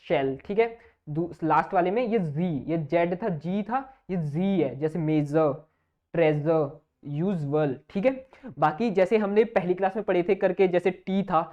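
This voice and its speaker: A man teaching a shorthand class online. He keeps asking questions and answering them himself, and he sounds out example words slowly and repeats them. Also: fairly high pitch. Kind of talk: online exam-prep lesson. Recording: dull lo-fi recording.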